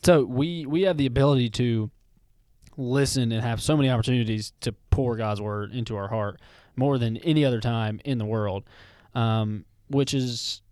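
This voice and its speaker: A young man co-hosting a casual faith podcast, easygoing and quick to laugh, reading Bible verses aloud. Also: mid-range voice, a little mellow, clean tone, dry recording. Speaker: podcast co-host.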